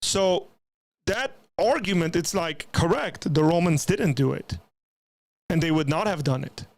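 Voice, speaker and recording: A man hosting a livestream reaction, speaking casually to his viewers with a halting, stop-start delivery. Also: a little high, expressive, dry recording. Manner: hesitant, restarting, addresses viewers as guys. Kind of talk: casual live commentary.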